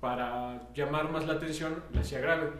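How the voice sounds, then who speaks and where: A young Mexican man talking loosely among friends, his voice sitting a bit high. He jokes, swears and stumbles over fillers. The room rings with a noticeable echo. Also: steady tone, moderate pace, a bit bright. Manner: joking, swearing, frequent fillers. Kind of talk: casual chat among friends. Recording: roomy echo.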